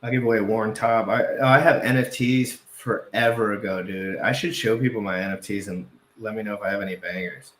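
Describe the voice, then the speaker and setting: A man's voice: lowish voice, steady tone, brisk, few pauses, fairly bright tone, reverberant, slight background noise. A man hosting a casual crypto livestream, rambling and correcting himself, often repeating phrases for emphasis.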